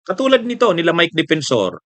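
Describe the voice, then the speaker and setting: A man's voice: on the high side, wildly swooping pitch, fairly quick, a bit bright, no echo. A man giving casual political commentary, mocking and chuckling, often asking rhetorical questions.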